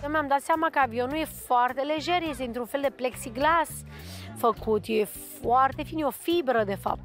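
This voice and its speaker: A woman on a reality show, talking in a playful, chatty way. Her voice is high. Loud music plays behind her. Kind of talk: reality TV chat.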